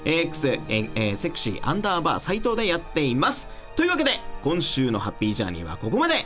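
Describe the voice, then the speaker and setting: A woman's voice: low-pitched, huge pitch swings, fast talker, fairly bright tone. A woman who is a member of a radio show, chatting casually. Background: background music.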